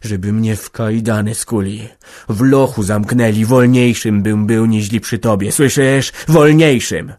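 A man's voice: fairly low pitch, a little slow, no room sound, studio quality, lightly acted. A man playing a drunk, enraged young peasant. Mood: bitter fury. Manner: shouting wildly.

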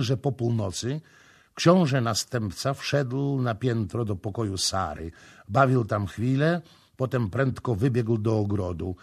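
Slow, husky male audiobook narrator. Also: lowish voice. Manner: measured, dramatic reading.

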